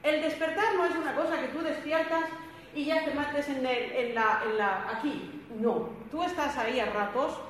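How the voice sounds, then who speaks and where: A woman's voice: high-pitched, moderate pace, a bit bright. A woman giving an emphatic spiritual talk to a group, repeating phrases and acting out what people said. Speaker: spiritual speaker. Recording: echoey hall, some background noise.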